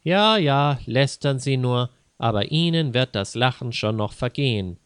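A man's voice: medium pitch, expressive, unhurried, clean tone, no room sound, studio quality, lightly acted. A man voicing a self-important, easily offended male ghost hunter who speaks grandly. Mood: pompous. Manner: grandiose, indignant.

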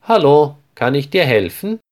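A man voicing a polite, friendly female shop assistant in a storybook reading, with a helpful manner and unhurried delivery. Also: on the high side, sing-song, a little mellow, pitched above the performer's own voice.

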